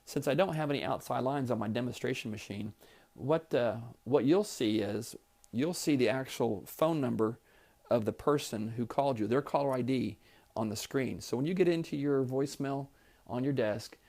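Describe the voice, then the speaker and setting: Walking through office equipment one step at a time, a male trainer gives a plain-spoken tutorial. His voice is medium-pitched and a little mellow, delivered at normal speed.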